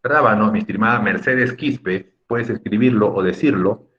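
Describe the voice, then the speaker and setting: A man's voice: fairly low pitch, normal speed. A man teaching an online class, patiently coaxing students by name and drawing out words to stress their syllables, over a video call. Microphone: computer mic on a video call. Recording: muffled lo-fi video call audio.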